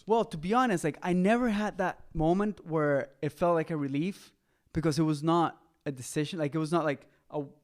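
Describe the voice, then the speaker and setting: A young man from Costa Rica, appearing as a guest musician, chats casually in a fairly high, fairly quick voice. He's relaxed and his speech is full of fillers, especially "like."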